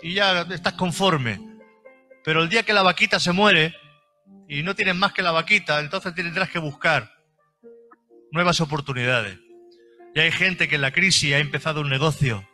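A man's voice: fairly high pitch, bright, forceful tone. A middle-aged man, preaching a sermon as pastor in an emphatic, repetitive way with homely examples.

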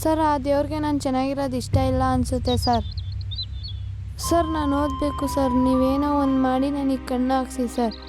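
A woman's voice: high-pitched, level tone, fairly quick, lightly acted. A young woman acting a studious schoolgirl who has lost her sight, pleading through tears. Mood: pleading tearful. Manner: pleading, tearful. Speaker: schoolgirl student. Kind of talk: low-budget short film acting.

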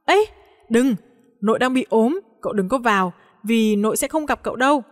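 A woman's voice: a little high, expressive, a little fast, in a large hall, lightly acted. A woman voicing a nervous young man who keeps hurriedly deflecting. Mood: flustered. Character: flustered young man hiding a secret.

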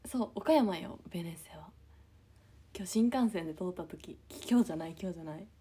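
Young woman, idol streamer reading comments, husky, mellow, sleepy half-whispered chat. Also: brisk. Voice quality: husky, a bit low. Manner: just-woken, soft and drowsy, often near-whispered. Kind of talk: casual livestream chat.

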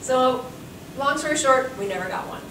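Her voice sits high with lively intonation at a moderate pace as this forties-aged curator delivers an anecdote-filled lecture, chatting and laughing frequently. She's in a seminar room with listeners, and the faraway room mic leaves the sound echoey and hissy.

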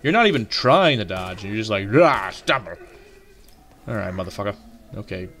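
A man hosting a gaming channel, talking over his playthrough with a lower voice. He is sarcastic and profane, mocking the characters and enemies as he goes. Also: sing-song, quick pace, a bit bright, slight background noise. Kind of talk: let's play commentary.

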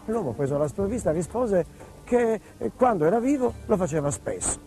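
A man tells a folk tale in a lively, theatrical way. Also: sits high, brisk, soft background music. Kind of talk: storytelling narration.

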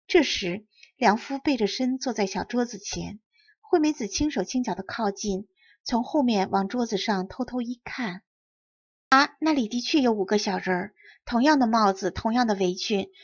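Husky woman narrating a fairy tale. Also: on the high side, dull audio. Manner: clear, measured reading. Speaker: storyteller.

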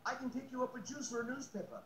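A man's voice: extremely high pitch, very animated, quick pace, roomy sound, a little hiss or hum, low-quality recording. A man with a British accent playing a courteous, formal male concierge in a video game, eager to help. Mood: eager, polite.

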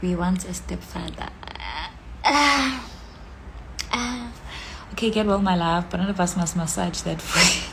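Speaking from a small room, a young South African woman hosts a casual phone live stream, the phone held at arm's length as she reads comments aloud. Her voice is lowish and measured, her manner playful with occasional drops into whispers, and the audio is very noisy.

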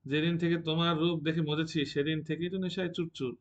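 A man voicing a drunken young male warrior who taunts and mocks in a low, soft voice. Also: flat delivery, a little fast, lo-fi sound, lightly acted. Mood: drunken taunting.

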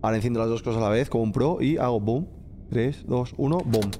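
A man doing live gameplay commentary, excitable, swearing and shouting at the game while talking to his chat. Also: mid-range voice, quick pace, background noise. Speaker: streamer. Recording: game music behind the voice.

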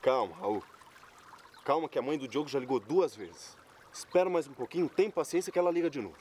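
Male actor as despondent young man, Brazilian accent, telenovela drama, medium pitch, trickling water behind. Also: expressive, a little fast, a little mellow, slight background noise, close to an everyday voice. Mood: anxious. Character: despondent, lovesick young man pleading with his friend. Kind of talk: telenovela acting. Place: outdoors beside a fountain. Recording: splashing fountain water behind voice.

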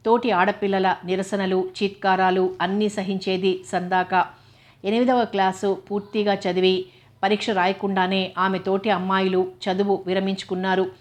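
A woman narrating a novel in a steady, even storytelling manner. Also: mid-range voice.

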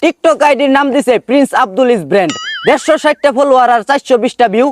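A man's voice: very high-pitched, fast, slight background noise. A man playing a bombastic parody news anchor, reading rhyming satire theatrically with a rural Bangladeshi accent. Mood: mock-solemn. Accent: Bangladeshi rural colloquial. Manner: mock-solemn, rhyming, theatrical announcing. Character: bombastic male parody news anchor of a village comedy channel.

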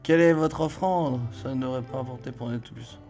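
A man playing a video game and commenting as he goes, reading dialogue aloud and joking, with sudden loud exclamations. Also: mid-range voice, a little fast, soft background music. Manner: chatty, jokey, exclaims loudly in surprise. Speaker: let's play host.

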